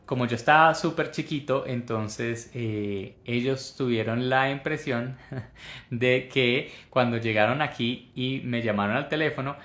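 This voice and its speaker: A man from Colombia teaching English in Spanish, slowly modeling English phrases and repeating them for learners. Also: medium pitch, fairly bright tone, echoey room. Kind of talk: Spanish-language English lesson.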